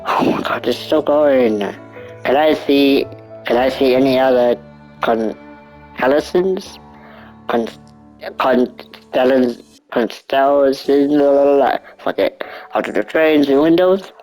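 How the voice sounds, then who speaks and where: Young man, nineteen, slow halting reading, joking asides, faint music behind. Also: mid-range voice, a little mellow, low-quality recording. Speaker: gaming YouTuber. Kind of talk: reading a visual novel aloud with commentary.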